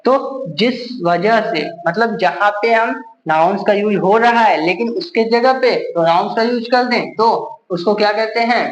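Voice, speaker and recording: A man's voice: high voice, moderate pace, few pauses, echoey room, highs cut off, a little hiss or hum. A male teacher giving a grammar lesson with a Hindi accent, constantly asking the class rhetorical questions and answering them himself.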